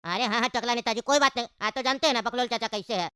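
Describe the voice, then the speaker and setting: A woman's voice: a little high, very fast, fairly bright tone, clean tone, no room sound, studio quality, lightly acted. A woman voicing a persuasive male party organizer in a cartoon. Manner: persuasive, coaxing. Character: smooth-talking male party planner. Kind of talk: cartoon voice acting.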